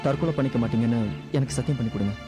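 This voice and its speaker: A man's voice: medium pitch, rapid-fire, over loud music, lightly acted. An actor playing a devoted older male caretaker who pleads tenderly, in a dubbed film. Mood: pleading.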